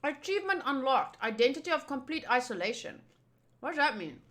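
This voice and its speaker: A woman livestreams herself playing a visual novel, reading the game text aloud and breaking off for playful, chatty asides. Her voice sits high and sing-song, with a fairly bright tone and a slightly fast pace.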